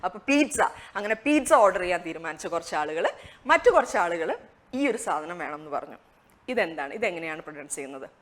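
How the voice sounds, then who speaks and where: A woman teaching English pronunciation in a conversational lesson, asking rhetorical questions and slowing down on the target words. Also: fairly low pitch, big pitch swings, a bit bright. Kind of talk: explanatory lesson.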